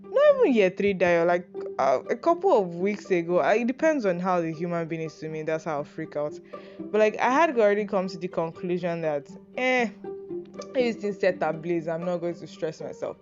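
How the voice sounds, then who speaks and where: The podcast host, a young Nigerian woman, speaks at a moderate pace in a lowish, expressive, slightly mellow voice with a Nigerian accent. She drifts through advice in an offhand, self-deprecating way, using plenty of fillers and profanity. Behind her, music plays on a dull lo-fi recording.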